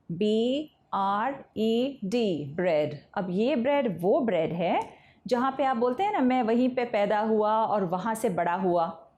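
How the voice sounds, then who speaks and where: Slow, mellow-voiced woman teaching English words. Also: fairly high pitch. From Mumbai, India. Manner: slow, deliberate spelling-out of words letter by letter. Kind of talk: Hindi-language English vocabulary lesson.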